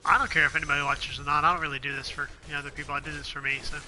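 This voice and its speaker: A man's voice: a little high, level tone, racing, pushed and bright, a little hiss or hum, rough recording. A man co-hosting a let's-play, chatting casually while gaming, rambling and joking.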